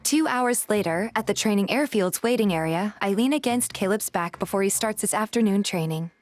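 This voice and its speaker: Music runs beneath a woman reading a first-person story script in audio-drama fashion, where she is the narrator and heroine of a fan dub. Her mid-range voice is expressive and a little fast.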